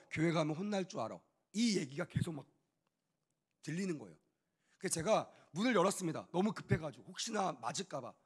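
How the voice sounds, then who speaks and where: A young man preaches as a youth pastor and tells a story from his own life with lively, acted-out quotes. His voice sits a little high and has a husky, breathy edge. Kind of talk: sermon testimony.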